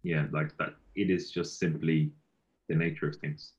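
A man with a west of Ireland accent speaks in a low voice, discussing ideas casually. He circles back and repeats words as he goes, and the audio is slightly dull and lo-fi. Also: flat delivery, moderate pace. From Galway, Ireland. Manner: repeats himself, peppers talk with "you know".

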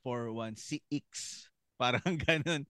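A man's voice: medium pitch, slow pace, pushed and bright, clear, resonant tone, no echo, clean studio sound. A man co-hosting a casual podcast chat, reading listener comments aloud and joking with friends. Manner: reads comments aloud, jokey and laughing. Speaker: podcast co-host.

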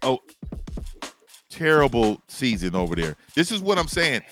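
A man's voice: medium pitch, very animated, measured pace, fairly bright tone, soft background music. A man chatting as a guest on a casual sports show, laid-back and trailing off at times.

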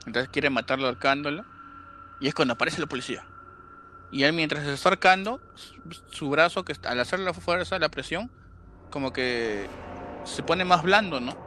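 A man casually retelling a horror film's plot as a podcast co-host, animated, with sound effects and filler words. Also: a little high, moderate pace, a little hiss or hum. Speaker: podcast co-host recapping a film. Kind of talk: casual chat.

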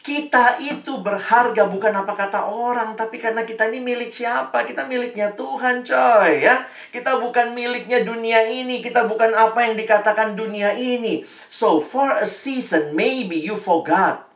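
Lively man preaching to kids, roomy. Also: extremely high pitch, moderate pace, far from the mic. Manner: lively, acts out quoted voices, mixes English phrases. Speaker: youth speaker. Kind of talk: youth sermon to kids.

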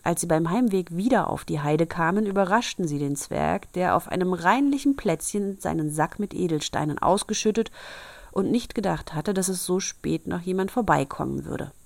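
A woman reading an old fairy tale aloud in a steady, old-fashioned storybook manner. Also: on the low side, normal speed, gravelly, no room sound.

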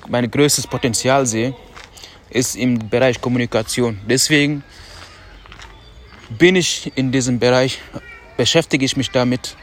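A man hosting a podcast in a casual, motivational monologue, talking loudly on purpose in a loose, self-talking way with slangy asides, outdoors on a city street. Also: medium pitch, slight background noise. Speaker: podcast host.

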